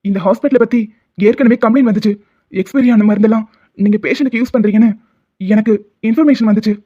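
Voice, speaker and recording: A woman's voice: fairly high pitch, quick pace, close to an everyday voice. A woman voicing a determined male doctor. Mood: firm reassuring. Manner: reassuring, firm. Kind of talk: cartoon voice acting. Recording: tinny phone-like sound.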